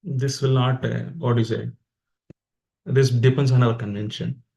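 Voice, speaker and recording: With an Indian accent, a man gives an informal devotional talk, urging his listeners on in a conversational, motivating way like a fellow practitioner. His medium-pitched voice is gravelly yet mellow, with a steady tone and normal speed.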